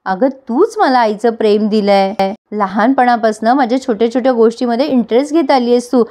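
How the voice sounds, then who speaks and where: Woman doing a coaxing young wife, clever and affectionate, fairly high voice, retold soap scene. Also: a little fast, dark tone, close to an everyday voice.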